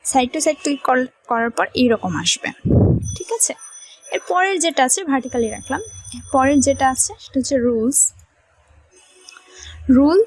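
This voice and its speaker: Husky woman explaining software step by step. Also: sits high, no echo, low-quality recording. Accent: Bangladeshi Bengali. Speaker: computer tutorial teacher. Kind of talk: screen-recorded software tutorial.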